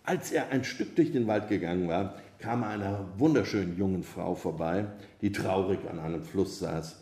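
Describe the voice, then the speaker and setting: A man preaching a sermon, telling a parable in a calm, measured way. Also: deep voice. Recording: roomy echo.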